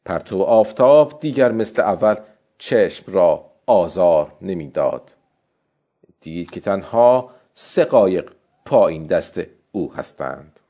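A man narrating a story as a scripted audiobook, in a calm, steady way. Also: deep voice.

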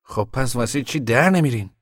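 In a storybook reading, a male reader voices a steady, protective young man, speaking plainly and reassuringly just above his own low voice. The sound is dry and close with a breathy edge and no room sound.

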